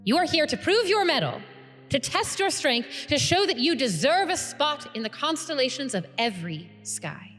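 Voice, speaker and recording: A woman's voice: high-pitched, sing-song, normal speed, fairly bright tone, voice pushed up. A woman doing a grand guild leader's speech. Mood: stately. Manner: oratorical, ceremonious, commanding. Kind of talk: tabletop game role-play. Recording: long reverb, faint music behind.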